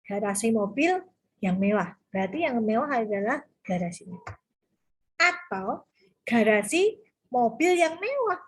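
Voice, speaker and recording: A woman lecturer with a fairly high, husky voice explains sentence grammar to her students. She is patient and repetitive, going over key terms again and checking in often with "ya."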